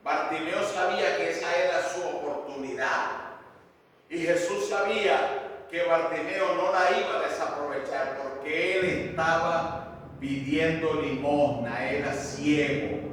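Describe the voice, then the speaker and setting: Male pastor preaching, bright tense voice, slow and dramatic, far off in a big echoey church. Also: a little high, slight background noise. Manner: impassioned preaching, swings between loud cries and hushed asides. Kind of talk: sermon. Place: church hall.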